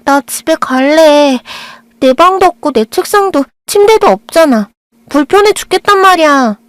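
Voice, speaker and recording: A woman's voice: high-pitched, animated, moderate pace, no room sound. A woman voicing a spoiled, hurt young teenage girl in an audio drama, whining and talking back. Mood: whining, upset. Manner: whining, defiant.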